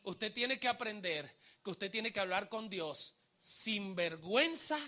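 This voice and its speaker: A male pastor preaching a live sermon to a congregation, having them repeat phrases back and shouting the refrains, with humorous asides and sudden swings from hushed to loud. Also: high voice, expressive, a little slow. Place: church service before a congregation.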